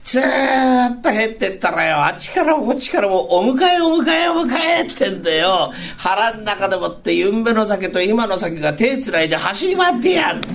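A male rakugo storyteller playing a gruff, hard-drinking Edo fishmonger husband, with old speech. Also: sits high, sing-song, normal speed, a bit bright, slight background noise, full character voice. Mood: tipsy, boastful. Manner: gruff, boisterous, blustering.

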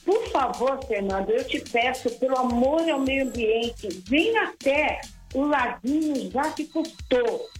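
A woman's voice: sits high, expressive, takes it slowly. A woman calling in to a radio show over the phone. She pleads earnestly and restarts her words often. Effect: heard over a phone line. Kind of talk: live call-in to a radio program. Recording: echoey phone line, faint music behind.

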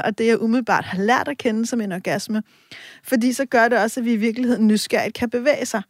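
A woman's voice: on the high side, no echo, studio quality. A woman guest on a radio talk show, explaining reflectively and giving examples. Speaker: sexologist guest.

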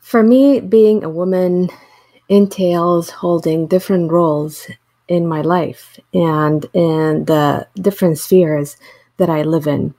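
A middle-aged woman from Syria speaks in a low, mellow voice. She answers interview questions slowly and thoughtfully, often pausing and restarting. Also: fairly even intonation. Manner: thoughtful, hesitant, many fillers and restarts. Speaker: associate teaching professor.

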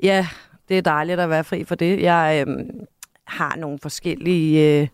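Woman guest, dry wit, halting with fillers; tight dead studio sound. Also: low-pitched, steady tone, clear, resonant tone, dry recording. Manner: hesitant, many fillers and restarts, dry self-mocking. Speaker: podcast guest, journalist. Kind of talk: casual studio conversation. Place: radio studio.

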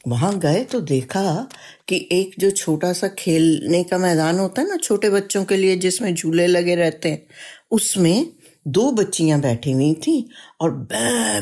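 Lady reading a kids story, chatty, kinda low voice, soft guitar behind. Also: husky. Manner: chatty, asks the listener questions. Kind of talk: children's storytelling. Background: soft guitar music.

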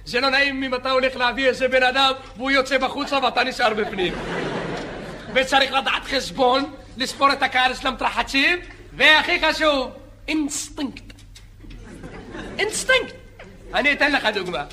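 A man playing a boastful, chatty beach lifeguard who rambles, jokes and yells at bathers in a comedy sketch. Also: very high-pitched, heavily acted. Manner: rambling, joking, shouting at bathers. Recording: live audience laughter and noise. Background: audience laughing.

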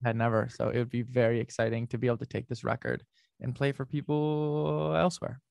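A man's voice: mid-range voice, little pitch movement, brisk, gravelly, darkish tone, no echo. Rambling young man, dry close sound. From North America. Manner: rambling, many fillers and restarts. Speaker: musician guest. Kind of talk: casual interview chat.

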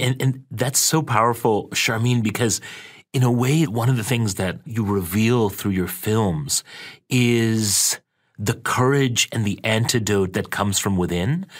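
A man's voice: on the low side, unhurried. A man hosting an interview, asking admiring questions with frequent restarts. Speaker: interview host.

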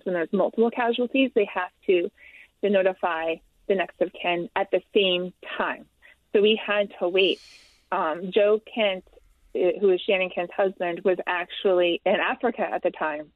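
A woman telling her story as a guest, halting and repeating herself, with nervous little laughs between the hard parts. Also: lowish voice, dry recording. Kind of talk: emotional personal account. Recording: tinny, dry phone-like sound.

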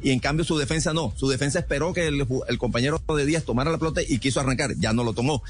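A man's voice: medium pitch, racing, a little hiss or hum. A man, analysing plays as a sports panelist.

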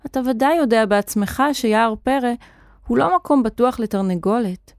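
Gentle caring lady in a kids' story done by the narrator, soft reassuring tone, dry sound. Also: a little high, no room sound, lightly acted. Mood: soothing. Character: kindly middle-aged woman, gently soothing. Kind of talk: children's audiobook acting.

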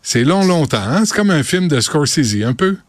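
Lively, teasing man. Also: a little high, normal speed, dry recording. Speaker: radio show host. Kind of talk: casual radio chat.

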